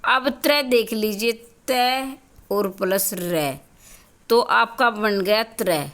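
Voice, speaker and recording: A woman teacher with a medium-pitched, fairly bright voice takes her time explaining grammar step by step in a classroom-style lesson. She asks questions and answers them herself, repeating key points for the students.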